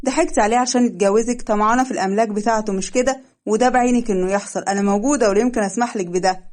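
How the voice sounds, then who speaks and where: A woman's voice: fairly high pitch, racing, darkish tone, natural voice. A woman with an Egyptian accent voicing a scheming older stepmother who taunts and threatens the others in a spiteful way. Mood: threatening.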